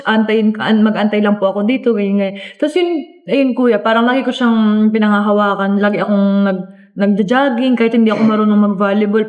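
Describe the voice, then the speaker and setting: A woman in her twenties, a volleyball player, telling her story in a casual interview in an earnest, chatty way, with many fillers and polite address to the interviewer. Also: medium pitch. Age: 20s.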